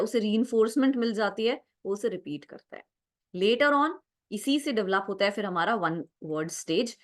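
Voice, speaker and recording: A young adult woman teaching an exam-prep lecture, explaining step by step, mixing Hindi and English, and often asking "right?". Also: mid-range voice. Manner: explanatory, mixes Hindi and English, frequent "right?" check-ins.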